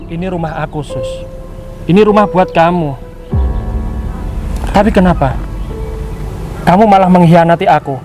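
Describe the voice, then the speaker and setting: A man voicing a wounded husband who pleads and scolds by turns. His voice sits rather high for a man, over faint music in the background. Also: normal speed, pauses often, darkish tone, natural voice. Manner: reproachful, pleading. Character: wronged husband feigning blindness, pleading and indignant. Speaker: husband back from working abroad. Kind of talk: amateur skit acting.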